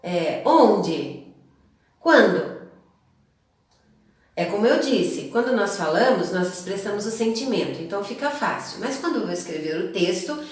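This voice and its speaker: A woman teacher, explaining slowly and deliberately to children in a lesson. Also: mid-range voice. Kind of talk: classroom lesson. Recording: very echoey room, voice far from the mic.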